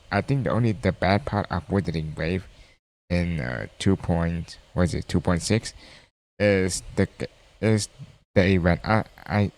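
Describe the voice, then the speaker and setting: Low-voiced man rambling through a reaction. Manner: rambling, lots of filler and restarts, blunt. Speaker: streamer reacting to a video. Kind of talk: casual reaction commentary.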